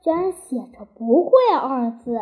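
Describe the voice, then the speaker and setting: A woman's voice: high-pitched, unhurried, warm tone. A woman voicing an exasperated female schoolteacher who scolds her pupil. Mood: scolding.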